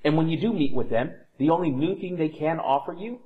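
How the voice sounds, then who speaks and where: A man in his thirties, a real estate agent, giving an upbeat, persuasive scripted sales pitch to the camera in a bright home. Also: fairly quick, narrow, tinny audio. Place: bright home interior, indoors.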